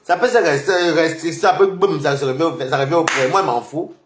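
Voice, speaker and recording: A man with a fairly high voice rants at his online rivals, taunting and mocking them in repeated jabs. He swings between loud outbursts and low, muttered asides. The recording sits in an echoey room. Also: fairly quick, background noise. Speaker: social media commentator. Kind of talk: confrontational online rant.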